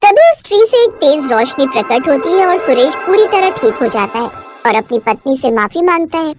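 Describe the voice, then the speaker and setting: High-voiced woman narrating a cartoon. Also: very animated, moderate pace, music in the background. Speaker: storyteller.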